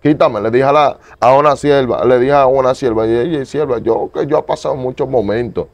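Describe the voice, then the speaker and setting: A man in an interview giving a fervent, repetitive testimony, moving between loud pleading and low murmurs. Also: brisk, dry recording. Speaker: evangelist guest.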